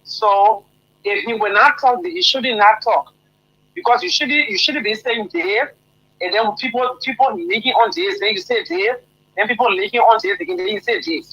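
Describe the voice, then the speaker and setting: Husky woman calling in on a dull phone line. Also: medium pitch, normal speed, fairly bright tone. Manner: earnest, repetitive, stumbling. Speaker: caller. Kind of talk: phone-in opinion.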